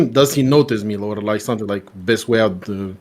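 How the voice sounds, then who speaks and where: A man's voice: fairly low pitch, normal speed, a little mellow. A man playing a tabletop game, talking hesitantly with many restarts. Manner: hesitant, lots of restarts and throat clearing. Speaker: player.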